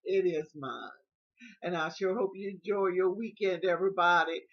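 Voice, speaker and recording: A woman's voice: lowish voice, moderate pace, muffled recording. Folksy woman telling a story. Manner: folksy, laughing as she tells it. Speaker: vlogger. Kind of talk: storytelling vlog.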